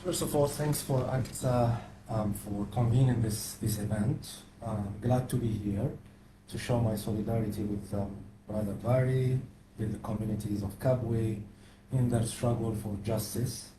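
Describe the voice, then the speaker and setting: A man's voice: medium pitch, steady tone, measured pace. Firm man from Algeria, echoey room. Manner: firm, declarative. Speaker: panel speaker. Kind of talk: panel talk. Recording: echoey room, faint noise.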